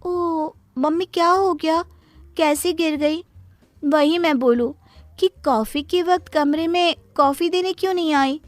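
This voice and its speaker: A woman's voice: very high voice, measured pace, no room sound, voice pushed up. A woman voicing a spoiled, lazy young daughter in a cartoon story. She talks in a careless, bratty way. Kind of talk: Hindi cartoon voice acting.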